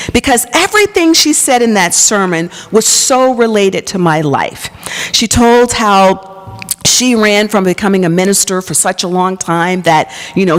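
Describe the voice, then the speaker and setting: Woman, pastor, testimony speech, earnest storytelling, medium pitch, big reverberant hall. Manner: earnest, storytelling, shifts into soft whispers for quoted moments. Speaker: pastor and psychologist. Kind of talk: personal testimony speech to an audience.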